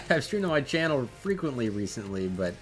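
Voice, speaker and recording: A man with a noticeably nasal, stuffed-up voice talks casually into a desk microphone, rambling and restarting his sentences as he sets up a match broadcast. His pitch sits in an ordinary middle range. Faint music plays underneath. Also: sing-song, normal speed. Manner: chatty, rambling, frequent restarts. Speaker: esports caster streaming a match. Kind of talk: casual stream commentary. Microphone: desk microphone at a home streaming setup.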